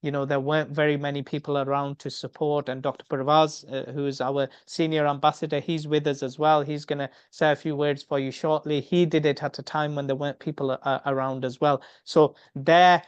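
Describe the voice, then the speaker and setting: A man's voice: a little high, little pitch movement, fairly quick, few pauses, clear, resonant tone, no room sound. A middle-aged man from the UK, a medical educator giving an earnest webinar talk, often repeating words as he thinks. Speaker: medical educator and academy speaker. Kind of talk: webinar presentation. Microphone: video call. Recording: dry, dull video-call audio.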